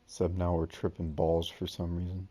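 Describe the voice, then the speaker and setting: A man's voice: deep voice, completely flat delivery, normal speed, dark tone. A man giving casual let's play commentary as a gaming host, with slangy, jokey asides.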